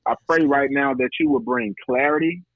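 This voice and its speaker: A man's voice: medium pitch, fairly even intonation, moderate pace, no room sound. Man praying over a thin phone line. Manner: preacherly, insistent, repeating phrases for emphasis. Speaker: podcast guest, entrepreneur praying on air.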